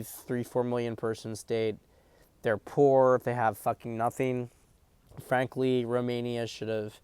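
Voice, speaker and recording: A man with hiccups hosts a profane political commentary livestream, blunt and emphatic, swearing freely and frequently restarting sentences. His mid-range voice is darkish and smooth, with no echo.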